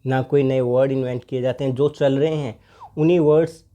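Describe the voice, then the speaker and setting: Teacher doing an exam prep lecture, mellow warm tone, slow english lines then hindi explaining, keeps asking "what is it" and answering. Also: mid-range voice, fairly even intonation. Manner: asks rhetorical questions and answers them.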